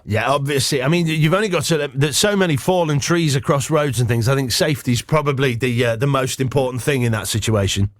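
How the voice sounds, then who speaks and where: A man's voice: mid-range voice, a little fast, few pauses, dry recording, studio quality. A man presenting live radio in a casual, chatty way, informal and bantering, often repeating words as he goes. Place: radio studio.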